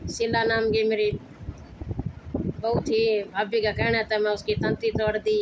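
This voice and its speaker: A woman's voice: mid-range voice, monotone, measured pace, lightly acted. A woman voicing a suffering wandering village man with a Haryanvi accent, telling his woes plaintively. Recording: clicking background noise.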